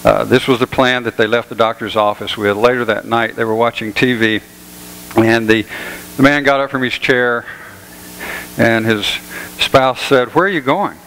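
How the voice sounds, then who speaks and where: A pastor giving a sermon in a church, telling jokes in an easygoing, folksy way. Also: male voice, mid-range voice, little pitch movement, normal speed, fairly bright tone, in a large hall, slight background noise, poor audio. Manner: folksy storytelling, easygoing humor. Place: church sanctuary.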